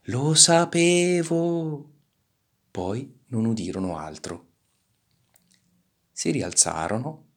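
A man reading a children's storybook aloud with animated, expressive delivery. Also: low voice, slightly rough. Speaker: narrator.

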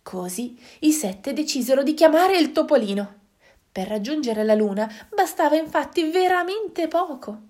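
Expressive woman reading a children's story. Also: high-pitched, moderate pace. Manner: expressive, sing-song, dramatic hushes.

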